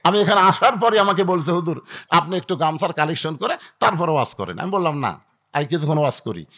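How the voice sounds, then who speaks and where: High voiced preacher, swoops all over, acts out little stories and gets the crowd to shout back. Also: male voice, lively intonation, fairly quick. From Bangladesh. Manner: dramatic storytelling, acting out dialogues, calling for audience responses. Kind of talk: Bengali waz sermon.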